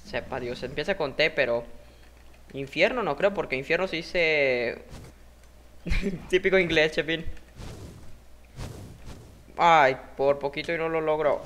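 Excitable young Mexican gamer. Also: male voice, a little high, unhurried, pauses often, slight background noise. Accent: Mexican Spanish. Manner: excitable, yelps and curses at near misses. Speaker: gaming YouTuber. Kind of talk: live gameplay commentary.

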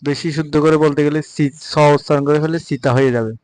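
A man's voice: a little high, steady tone, darkish tone, low-quality recording. Patient man teaching pronunciation with a Bengali accent. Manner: patient, repeats example words slowly for the learner. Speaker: Sanskrit recitation teacher. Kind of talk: spoken pronunciation lesson.

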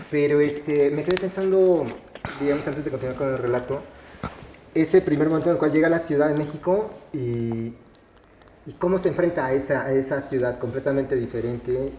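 A man's voice: fairly high pitch, normal speed, warm tone, slight background noise. A man with a Mexican accent interviewing a guest at a museum, speaking hesitantly and using many fillers. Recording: roomy with faint ambience.

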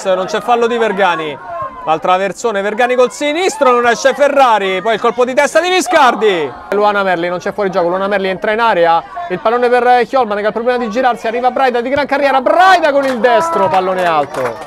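A man giving live football commentary with breathless, excited goal calls. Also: fairly quick. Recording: crowd noise, outdoor pitch. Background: crowd at a small outdoor football ground.

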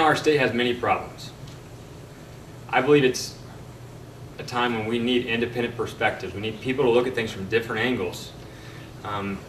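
A young adult man, a political candidate, delivers a prepared campaign closing speech at a podium in a meeting room, earnest and halting with pauses. His medium-pitched voice has a fairly bright tone. The podium mic is picked up by a distant camera, so the sound is roomy and distant with faint background noise.

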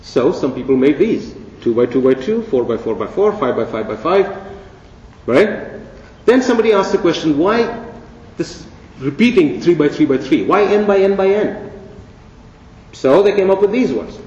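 A man's voice: a little high, expressive, moderate pace, darkish tone. Man giving a playful keynote in a hall. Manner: playful, conversational, asks rhetorical questions. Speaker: keynote speaker. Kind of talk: conference keynote lecture. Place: large conference hall. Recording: dull, echoey hall recording from a distance.

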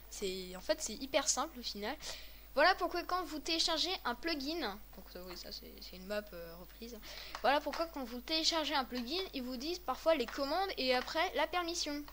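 A woman's voice: high-pitched, animated, brisk, a bit bright, slight background noise. A woman hosting a casual game tutorial with a friend, talking in a chatty, hesitant way with many fillers and restarts. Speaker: host of a game tutorial video.

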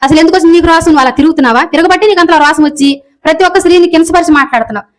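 Woman, high pitch, very fast, reproachful rant full of questions. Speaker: video commenter. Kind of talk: angry rant.

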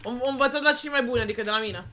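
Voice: medium pitch, pushed and bright. A player chatting during a game, giving short dry replies and joking boasts. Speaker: gaming friend. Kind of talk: casual gameplay chat.

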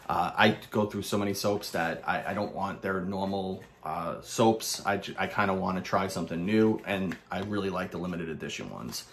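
A man with a Brooklyn New York accent, casually reviewing a bar of soap in a rambling way, full of restarts. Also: on the low side. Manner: rambling, many restarts and fillers.

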